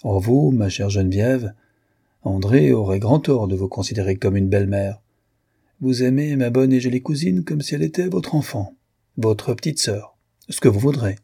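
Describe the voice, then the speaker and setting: A man voicing a genial, well-off gentleman who speaks in an affable, joking way. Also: medium pitch, normal speed, creaky, breathy edge, no room sound, clean studio sound. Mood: affectionate.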